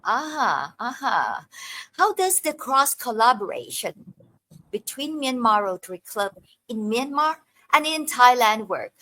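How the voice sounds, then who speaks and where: A woman hosting a formal panel, asking questions and presenting guests in measured, short phrases. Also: fairly high pitch, very animated, bright, forceful tone. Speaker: host.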